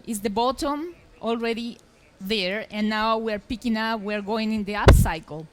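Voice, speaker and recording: Lady, middle-aged, talking on stage into a mic, lively, higher voice. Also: normal speed, poor audio. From Chile. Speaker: journalist, conference speaker. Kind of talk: conference presentation. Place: expo hall stage.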